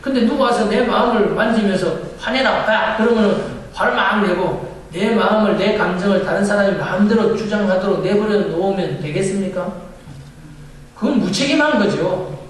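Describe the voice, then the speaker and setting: Male pastor, high voice, sermon with call-and-response questions, recorded from far off in a very echoey church hall with faint background noise. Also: fairly quick. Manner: asks the congregation questions and answers them himself. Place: church sanctuary.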